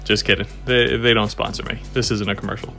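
A man with a Long Island accent narrating a painting time-lapse in a relaxed, joking way, with many "uh" fillers. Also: fairly low pitch, fast, creaky, soft background music. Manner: relaxed, self-deprecating, frequent "uh" fillers. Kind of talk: casual voice-over narration.

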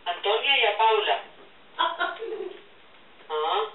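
A woman's voice: mid-range voice, expressive, takes it slowly. Older woman on a tinny landline. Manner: puzzled, keeps asking who it is. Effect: heard over a landline phone. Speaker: prank call target. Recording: tinny, distant, echoey phone line with faint hiss.

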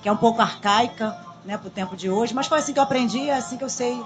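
A chatty woman, speaking into a studio mic as a radio guest. Her voice sits a little high and stays expressive. Faint music plays behind her. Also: fast. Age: 40s. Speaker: samba school drum queen guest. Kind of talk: casual radio interview. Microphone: studio boom mic.

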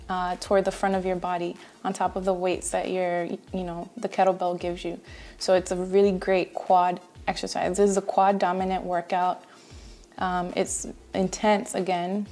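A woman in her thirties, a fitness vlogger, talks through exercises in a casual voice-over recorded in a room at home. Her voice is medium-pitched and a little mellow, and her manner is conversational and explanatory.

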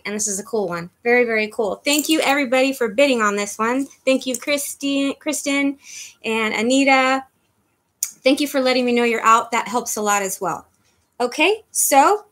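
A woman in her fifties runs a live online handbag auction from her living room at home, with a webcam in front of her. Her high, slightly bright voice carries chatty live-stream patter as she calls out bids and thanks viewers by name.

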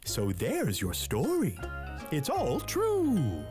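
A performer voicing a gentle owl puppet in a children's church lesson, talking low and slow and hooting, with music underneath. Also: wildly swooping pitch, heavily acted. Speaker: puppet character in a kids' lesson.

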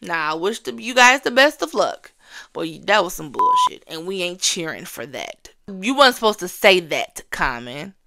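Sassy bright-voiced woman gossip vlogger. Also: huge pitch swings, moderate pace, no echo, clean studio sound. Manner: sassy, blunt, scolding, talks straight to viewers; swings from low drawl to loud exclamations. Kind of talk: casual gossip commentary.

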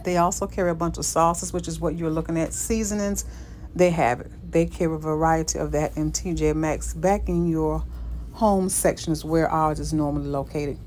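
A woman's voice: low voice, fairly even intonation, moderate pace, a little mellow, a little hiss or hum. A woman vlogging as she walks through a large store, chatting upbeat to her viewers about the items she finds. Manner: upbeat, chatty, keeps addressing viewers as guys. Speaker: shopping vlogger. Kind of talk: casual shopping walkthrough. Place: inside a large retail store.

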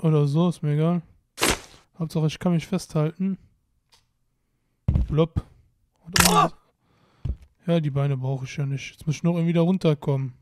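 A man's voice: fairly high pitch, steady tone, moderate pace, long pauses, background noise. A young man giving casual, playful commentary while playing a video game, often exclaiming and muttering to himself. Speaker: let's play commentator.

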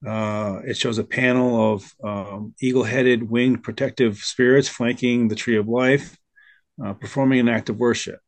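Brief: male host on a video call, mid pitch, hesitant, filler-heavy, dry. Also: steady tone, normal speed, no room sound. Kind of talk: casual video-call discussion.

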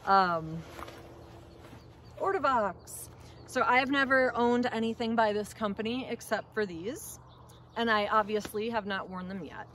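A chatty woman with a Minnesota accent reviews outdoor gear to camera, full of ums and enthusiasm. Her voice sits at a middling pitch. A faint hiss of room noise runs underneath. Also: normal speed, fairly bright tone. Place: indoors at a table.

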